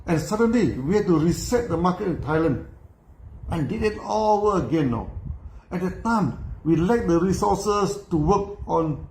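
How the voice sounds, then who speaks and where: An older Malaysian man tells a business story in a voice set fairly high for a man. He keeps tacking "no" and "you know" onto his lines and chuckles along the way. The room gives his voice a roomy echo. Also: expressive, moderate pace, a little mellow, a little hiss or hum. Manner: tag questions, frequent "no" and "you know", chuckling while telling. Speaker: company founder telling his story. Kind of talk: storytelling talk.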